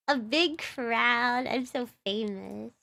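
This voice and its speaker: A woman's voice: a little high, big pitch swings, very slow, creaky, sharp tone. A young woman with a Texan accent, chatting casually on a live stream in a bubbly, giggly, rambling way. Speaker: livestreamer and VTuber.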